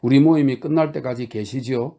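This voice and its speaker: A man playing a stiff, pompous gentleman. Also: medium pitch, normal speed, close to an everyday voice. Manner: formal, courtly, broken phrasing. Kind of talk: audiobook character reading.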